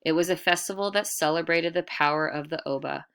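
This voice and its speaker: A female storyteller with a low register narrates a picture book expressively, leaning into deliberate, dramatic emphasis. Her tone is clean.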